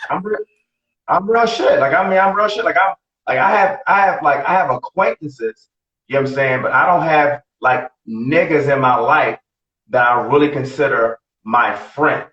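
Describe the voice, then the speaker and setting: A man's voice: a little high, moderate pace, a bit bright. A man in his late forties talks bluntly on a podcast, cursing freely and circling back over the same points. He sounds distant from the microphone. The room is echoey and the sound is dull and lo-fi. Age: 40s. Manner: blunt, profane, repeats himself. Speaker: podcast co-host. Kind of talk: casual podcast chat.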